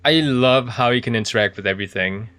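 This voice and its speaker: A man's voice: medium pitch, quick pace, fairly bright tone, clear, resonant tone, no echo. A man giving casual video game commentary, thinking aloud in a chatty, easily impressed way. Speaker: video game streamer playing an indie horror game.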